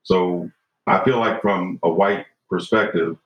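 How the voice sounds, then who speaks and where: This podcast guest, in his fifties, has a voice that sits low, with fairly even intonation and a measured pace. Reflective and earnest, he keeps tossing in "you know" and "right?" during the conversation, recorded in a roomy, dull lo-fi way.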